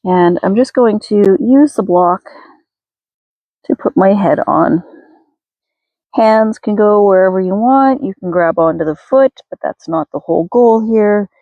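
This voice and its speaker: A woman yoga instructor leading a slow, gentle class in a careful, unhurried way. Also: mid-range voice, no echo, phone-quality sound.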